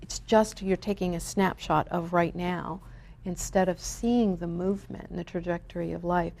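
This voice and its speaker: A woman's voice: on the low side, steady tone, moderate pace, vocal fry, darkish tone. A woman hosting a spiritual talk show, speaking in an earnest, reflective and uplifting way. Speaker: show host. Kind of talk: spiritual talk radio chat.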